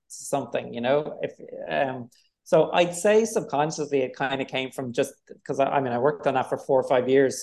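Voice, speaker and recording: A man with a Dublin accent, a film director talking casually in an interview, rambling with lots of fillers. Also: mid-range voice. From Ireland. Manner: rambling, relaxed, many fillers.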